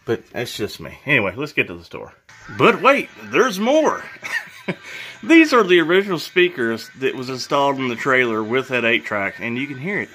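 Very animated and forceful, with a bright mid-range voice at a moderate pace, the DIY channel host talks casually through his renovation work in a mobile home and at an indoor workbench. He keeps it informal, laughs at his own jokes, and faint music plays behind him.

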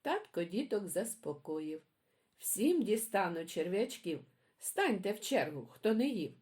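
Бібліотекарка виразно читає дитячі віршики та розповідає про авторку. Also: female voice, mid-range voice, measured pace. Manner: expressive, storytelling. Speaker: librarian. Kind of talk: reading children's poems aloud.

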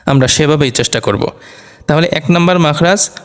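A man teaching Quran letter pronunciation, explaining slowly and repeating each Arabic letter over and over for practice. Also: fairly high pitch. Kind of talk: slow explanatory lesson with drilled letter sounds. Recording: long reverberant room echo.

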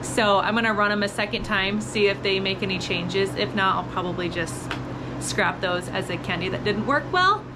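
A woman's voice: mid-range voice, lively intonation, normal speed, heavy background noise. A woman in her thirties hosting a casual home vlog, talking to camera in an upbeat, chatty way from her kitchen. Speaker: vlogger, host of a home freeze-drying channel.

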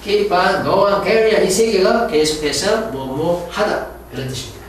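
A man teaching English grammar, reading English examples slowly and explaining them in Korean, often repeating words and correcting himself. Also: high-pitched, animated, heavy reverb, distant mic, a little hiss or hum, low-quality recording. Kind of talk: lecture on grammar.

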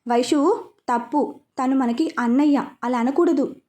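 A gentle older sister in a storybook, as a woman puts her on, soft and coaxing, with a high voice. She sounds anxious and caring. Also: measured pace.

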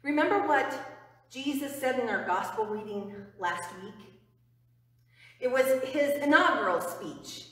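A middle-aged woman pastor giving a sermon in a church sanctuary, earnest and emphatic, dropping to a hush on key phrases. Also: high-pitched, expressive, unhurried, slight background noise. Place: church sanctuary before the altar. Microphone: far camera. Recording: roomy church reverb, far from mic.

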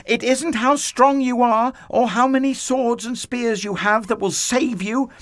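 A man voicing a small, brave, earnest young shepherd boy in a children's storybook, speaking up in a high voice. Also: steady tone, measured pace, a bit bright. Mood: bold conviction.

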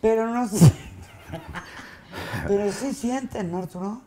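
A woman's voice: mid-range voice, takes it slowly, dark tone. A woman hosting a casual interview, affectionate and teasing. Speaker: interview host.

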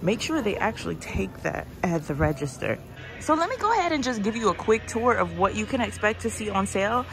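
A woman's voice: medium pitch, sing-song, fairly quick, vocal fry, music in the background, low-quality recording. A woman recorded on her handheld phone as she walks through a large indoor store, chatting casually to viewers. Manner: chatty, walking while talking, addressing viewers directly. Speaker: shopping vlogger. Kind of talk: casual walk-and-talk store tour. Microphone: phone held in hand.

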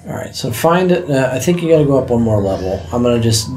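A young man talks through a video game in a relaxed, offhand way, his voice warm and mellow. He swears casually and keeps pointing the player toward the next step, with faint game music behind him. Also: mid-range voice, fast. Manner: laid-back, swears, guides the player. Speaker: let's play host. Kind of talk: casual gameplay commentary.

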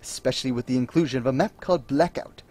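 A man voicing a bossy, excitable young male gamer with a cartoonish nasal voice and dramatic delivery. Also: mid-range voice, quick pace, dry recording, close to an everyday voice. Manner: dramatic, theatrical.

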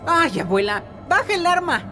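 A woman voicing a sensible, peacemaking young dog in an animated parody. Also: very high-pitched, normal speed. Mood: reasoning. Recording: loud music behind.

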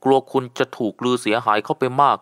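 A man voicing a calm young friend explaining things, in a storybook reading. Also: medium pitch, moderate pace, voice pushed up, natural voice.

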